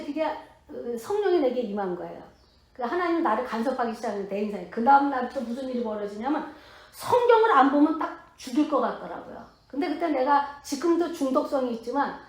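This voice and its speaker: High-voiced woman pastor in an echoey hall. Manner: animated, emphatic storytelling with blunt colloquial speech. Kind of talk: testimony sermon.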